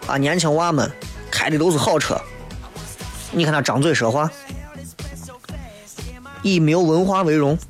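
High-voiced Shaanxi-accented man hosting a talk show. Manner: opinionated, rhetorical questions and tag questions. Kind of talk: colloquial monologue commentary.

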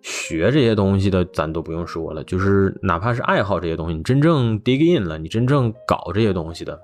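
A man's voice: sits low, a little fast. A man hosting a podcast, chatting loosely about hip-hop with many fillers and restarts. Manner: rambling, relaxed, many fillers. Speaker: podcast host.

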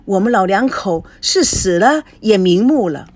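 女朗读者扮的热切的老奶奶. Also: female voice, mid-range voice, lively intonation, unhurried, no room sound. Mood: eager. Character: elderly grandmother, warm and eager.

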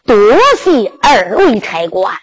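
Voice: mid-range voice, big pitch swings, takes it slowly, husky, heavily acted, poor audio. A storyteller with a Henan accent voicing a humble, grateful outlaw hero in a Henan zhuizi story.

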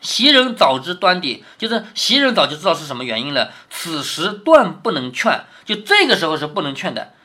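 A middle-aged man reads a classic novel aloud and stops often to explain it in his own words. His pitch swings widely and his delivery is animated. He keeps asking the listener questions as he goes. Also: fairly quick, few pauses. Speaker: storyteller reading a classic novel. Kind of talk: reading with explanatory commentary.

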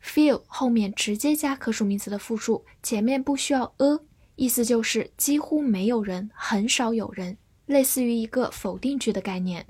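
A woman giving a scripted vocabulary lesson, spelling out words letter by letter and reading example sentences slowly and carefully. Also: a little high, darkish tone, slightly rough. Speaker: English teacher.

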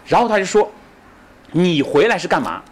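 A middle-aged man giving a lively storytelling lecture on ancient history, acting out quoted speech and often asking the audience to agree. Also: sits high, moderate pace, slightly rough. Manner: animated, acts out quoted speech, many fillers like "对吧".

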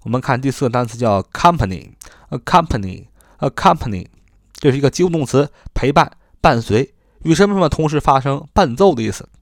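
A man's voice: medium pitch, expressive, normal speed, dry recording, clean studio sound. A man teaching English vocabulary, repeating each word and spelling it out letter by letter, with rhetorical questions and chatty particles. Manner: sprinkles sentence-end particles, rhetorical questions. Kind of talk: explanatory vocabulary lesson.

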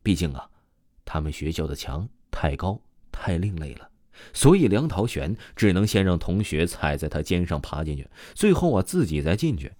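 A man tells a ghost story in a chatty, casual way, with lots of drawn-out particles. His low voice swoops with animated pitch and has a dark, mellow tone. The sound is dry and close. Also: no room sound. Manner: chatty, filler-laden telling with drawn-out particles.

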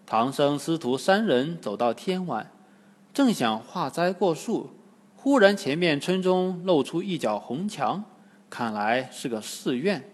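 A man narrating a classic tale in a slow, expressive storytelling manner. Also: fairly high pitch. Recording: long hall reverb.

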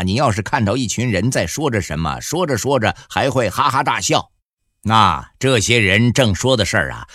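A man narrating an audiobook in a colloquial, animated storytelling manner. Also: mid-range voice, slightly rough, no room sound, clean studio sound.

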